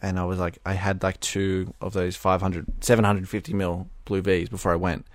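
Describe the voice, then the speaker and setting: Deep-voiced young Australian man, dry sound. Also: little pitch movement, moderate pace, dry recording. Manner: laid-back, swearing, rambling storytelling. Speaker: YouTuber being interviewed. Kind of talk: casual podcast chat.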